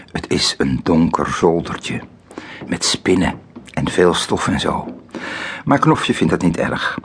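A man narrating a children's audiobook in an expressive way, dropping to a whisper at tense moments. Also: sits low, gravelly, husky. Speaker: storyteller.

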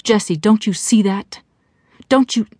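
A woman's voice: mid-range voice, unhurried, a little mellow, dry recording, close to an everyday voice. A woman playing a harsh, no-nonsense inner voice that hectors and scolds with disgusted fury, read for an audiobook. The delivery is dry and close, with no room around it. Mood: scornful. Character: angry blunt inner voice of an old woman friend.

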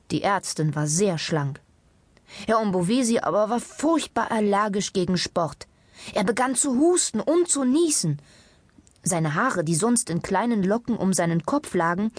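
A woman narrating a children's audiobook in a calm, clear storytelling manner. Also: medium pitch, moderate pace, no echo.

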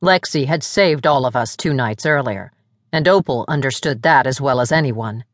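A woman's voice: a bass voice, moderate pace, no echo, clean studio sound, pitched below the performer's own voice. A woman narrator voicing a reserved, protective demon man narrating reflectively.

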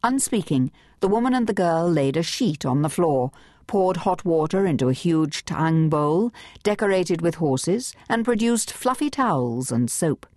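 A woman narrating an audiobook in a measured, expressive storytelling manner, close to a studio mic. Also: lowish voice, no echo. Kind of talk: scripted narration.

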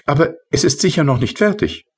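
Tiny happy rain sprite guy, high and lilting, kind of gravelly underneath, a deep-voiced man putting it on. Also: big pitch swings, brisk, a little mellow, heavily acted. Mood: cheerful. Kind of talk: children's audiobook reading.

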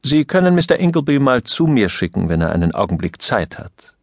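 Brisk office manager, man reading, lively pitch, dry. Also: no echo. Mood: businesslike. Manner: brisk, instructing, businesslike. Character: fussy male office manager giving orders.

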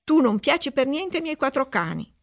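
A woman doing a shrill spoiled princess. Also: sing-song, brisk. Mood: furious. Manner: indignant, shrill outbursts. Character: spoiled haughty little princess, seven.

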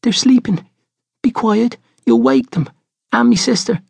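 A man's voice: very high voice, a little slow, creaky, breathy edge, no room sound, pitched above the performer's own voice, exaggerated voice. A man voicing a frightened little boy who stammers in fear. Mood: scared whisper. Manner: stammering, hushed.

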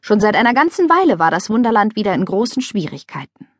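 A woman reading a children's audiobook with lively, expressive storytelling on a close studio mic. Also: medium pitch, fast talker, dry recording. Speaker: audiobook narrator. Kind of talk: scripted children's audiobook narration.

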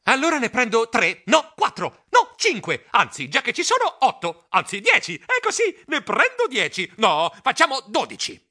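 A man's voice: sits high, big pitch swings, slow pace, pushed and bright, pitched above the performer's own voice, exaggerated voice. A man voicing a nervous, flustered male mouse who hesitates and stammers in a storybook audiobook.

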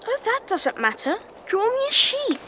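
A woman's voice: extremely high pitch, very animated, normal speed, pushed and bright, slight background noise, full character voice. A woman playing a small, innocent boy prince from another planet in a radio drama, insistent and full of questions.

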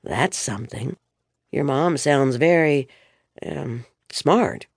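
A woman's voice: very deep voice, animated, takes it slowly, creaky, darkish tone, slightly rough, no room sound, clean studio sound, heavily acted. A woman doing a sheepish, exasperated young man. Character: exasperated embarrassed young man, her son.

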